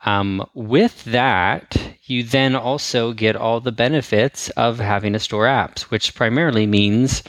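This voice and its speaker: A man's voice: lowish voice, no echo. A man from Texas, a guest on a tech podcast, explaining eagerly in casual chat and laughing easily.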